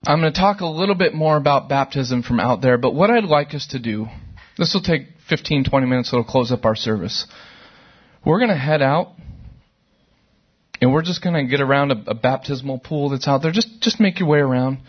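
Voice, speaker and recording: A middle-aged man preaching a sermon to a church service, conversational and animated, with sudden loud outbursts. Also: medium pitch, a little fast, breathy edge, muffled recording. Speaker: pastor.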